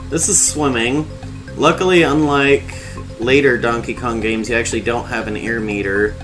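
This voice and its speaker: A man doing casual, informal game commentary as a streamer, explaining things with jokey asides over game music. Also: on the low side.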